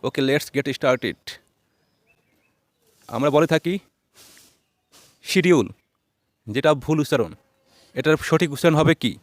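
A man's voice: fairly high pitch, measured pace, long pauses, no room sound. A man teaching English pronunciation, quizzing a helper and repeating each word twice. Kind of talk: classroom-style pronunciation lesson.

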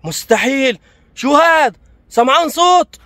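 A man playing a father in a family skit, talking in excited, exclamatory bursts and constantly urging haste. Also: very high-pitched, normal speed, no room sound. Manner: breathless, exclamatory, keeps urging speed. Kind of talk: excited acted vlog narration.

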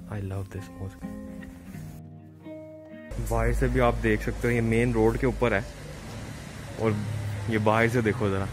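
A man from Pakistan casually narrating a walking tour of a large mosque, slipping English phrases into his talk, speaking from behind a handheld camera. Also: lowish voice. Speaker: vlogger. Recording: music playing behind.

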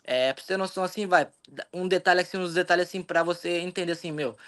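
Fast-talking young Brazilian man. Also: high voice. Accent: Brazilian Portuguese. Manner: animated, rambling, acts out his own thoughts. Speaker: jiu-jitsu athlete, interview guest. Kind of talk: casual storytelling interview.

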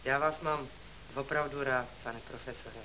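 A man's voice: medium pitch, fairly even intonation, sharp tone, a little hiss or hum, natural voice, rough recording. An actor playing a young male student who stammers and pleads, pretending to be ill, on an old film soundtrack. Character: young male student faking a nervous fit.

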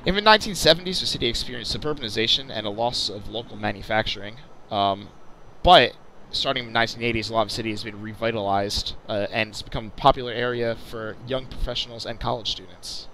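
Host, male, low-ish register, bright forward tone; relaxed gameplay commentary, self-corrects often. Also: fast talker, hardly any pauses, a little hiss or hum. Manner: chatty, self-correcting, jokey asides. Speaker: channel host. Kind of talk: casual commentary over flight-sim gameplay.

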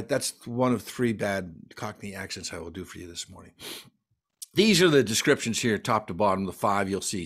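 Man giving a chatty folklore lecture. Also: medium pitch. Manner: chatty and digressive, with wry asides. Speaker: folklorist giving a library talk. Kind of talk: slide lecture.

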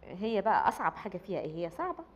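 A woman's voice: mid-range voice, big pitch swings, racing, a little hiss or hum. A woman with an Egyptian accent hosting a TV talk show and asking her guests questions in a chatty way.

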